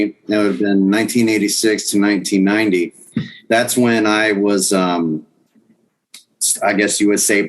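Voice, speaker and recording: A man's voice: low-pitched, poor audio. A man in his fifties, a guest musician, telling stories casually in a podcast interview, rambling with restarts and chuckles.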